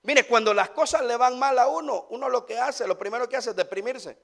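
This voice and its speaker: A man's voice: very high-pitched, brisk, vocal fry, fairly bright tone. A man, a pastor preaching a sermon with rhetorical questions and repeated phrases.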